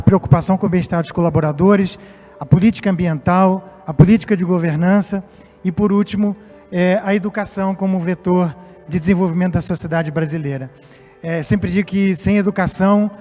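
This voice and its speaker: With a high, slightly mellow voice, a Portuguese man in his late fifties addresses a live audience from the stage as a guest speaker. The company executive's semi-formal speech is a bit hesitant, and music plays in the reverberant hall.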